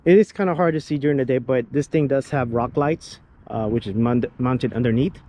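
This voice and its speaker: Speaking fairly quickly in a warm, medium-pitched voice, a man casually walks around the truck he built, often restarting and filling gaps. The clip is recorded outdoors beside the parked vehicle, with faint background noise.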